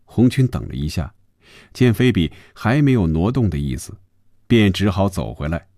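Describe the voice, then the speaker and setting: Male radio storyteller, very deep, hugely varied pitch, dry close sound. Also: normal speed, dry recording. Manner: lively, shifting voices for each character. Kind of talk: serial novel reading on radio.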